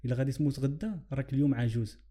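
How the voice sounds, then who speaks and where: Talking very fast in a warm, medium-pitched voice, a man with a Moroccan Arabic accent muses on religion during a conversation. He uses examples to illustrate and slips English phrases into his speech.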